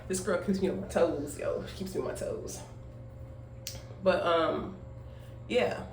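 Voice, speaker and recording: This 25-year-old single-mother vlogger takes it slowly, her lowish voice darkish in tone, as she chats casually while grooming at home and rambles with plenty of fillers and emphatic asides. Faint noise, an echoey room and off-mic sound mark the recording.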